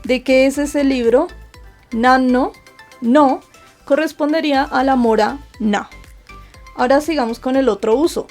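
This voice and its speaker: Her voice sits high with a darkish tone, a little slow and full of pauses. A Colombian woman teaching Japanese, she goes through a grammar lesson from slides, patiently asking rhetorical questions and answering them, over faint background music.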